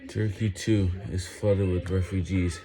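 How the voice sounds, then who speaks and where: A man reading a text aloud haltingly while doing push-ups, in short, strained phrases under physical exertion. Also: low voice, flat delivery, a crowd in the background.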